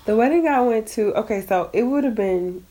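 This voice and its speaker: A raspy-voiced woman co-hosting a podcast in easygoing chat. Her talk is playful, full of laughter and teasing repeats of her partner's lines. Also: on the high side, animated, brisk, mellow, rough recording. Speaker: podcast co-host. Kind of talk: casual chat.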